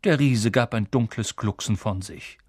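A man narrating a novel as an audiobook in a slow, expressive, dramatic reading. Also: on the low side, husky, no room sound, clean studio sound.

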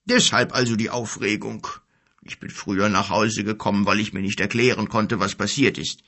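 A man voicing an old, bent and sorrowful king who speaks gravely and with bitterness in a storybook reading. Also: fairly low pitch, fairly even intonation, pushed and bright. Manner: grave, bitter, measured speech.

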